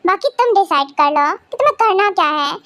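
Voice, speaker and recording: A woman's voice: extremely high pitch, lively intonation, a little fast, sharp tone, dry recording, exaggerated voice. A woman voicing a sleepy, exasperated young husband who grumbles and then coaxes his wife in a fan audio drama. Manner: grumbling, scolding then soothing.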